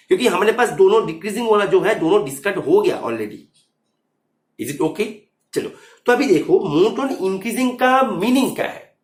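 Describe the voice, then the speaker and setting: Male math teacher walking students through an exam answer, mixing English terms into Hindi, high lively delivery, echoey room. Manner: checks understanding often. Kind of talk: explaining exam solution.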